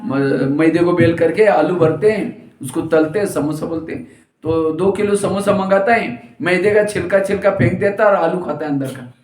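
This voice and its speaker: In a roomy, echoing hall, a spiritual teacher from India talks with a high-pitched yet darkish voice. He weaves humorous stories into his discourse, acting out the words of the people in them.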